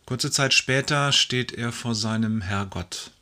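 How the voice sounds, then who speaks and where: Male joke teller, bright tone, fry-heavy, unhurried storyteller with fillers. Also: medium pitch. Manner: leisurely storytelling with fillers, acting out the voices. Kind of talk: telling jokes to an audience.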